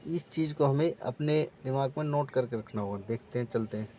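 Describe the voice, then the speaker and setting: A man's voice: medium pitch, fairly quick, warm tone, slight background noise. A man teaching exam preparation, reading out multiple-choice options and then explaining the right answer.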